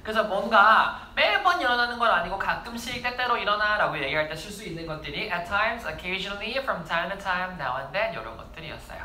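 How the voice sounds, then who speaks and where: Lady teacher drilling words with a class, brisk, roomy echo, bit of noise. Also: mid-range voice, expressive, pushed and bright. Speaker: English teacher. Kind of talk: classroom vocabulary lesson.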